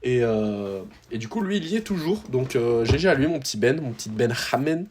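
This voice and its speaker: A young man from France chats straight to his viewers in a loose, slangy way, full of fillers and restarts. His voice sits at an ordinary mid pitch. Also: animated, fairly quick, darkish tone, slight background noise. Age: young adult. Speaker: tennis YouTuber. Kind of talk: casual storytelling to viewers.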